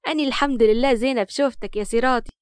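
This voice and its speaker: A woman voicing a flattering young cousin with an Upper Egyptian accent, sweet in manner. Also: fairly high pitch, rapid-fire, smooth, no echo, clean studio sound, close to an everyday voice. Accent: Upper Egyptian Arabic.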